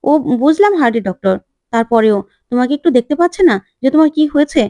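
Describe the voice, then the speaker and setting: A woman's voice: high-pitched, expressive, fast, dark tone, no room sound. Woman voicing a nosy prying young wife. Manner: coaxing, pushy questions.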